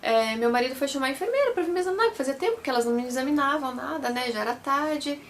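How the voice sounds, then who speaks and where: A woman's voice: high voice, animated, very fast, a little hiss or hum. A young Brazilian woman telling her own story to camera in a chatty way, often repeating and correcting herself. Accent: Brazilian Portuguese. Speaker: vlogger.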